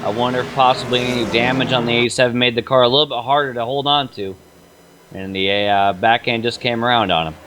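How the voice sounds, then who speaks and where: A male color commentator with a mid-range voice, measured and analytical in his breakdowns. Steady background noise sits clearly under his voice. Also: medium pitch. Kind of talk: sim racing color commentary.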